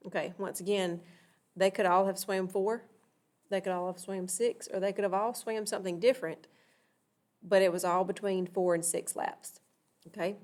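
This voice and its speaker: A woman's voice: mid-range voice, fairly even intonation, normal speed, darkish tone. A woman teaching a recorded math lesson, patiently walking through examples and checking in with "okay?".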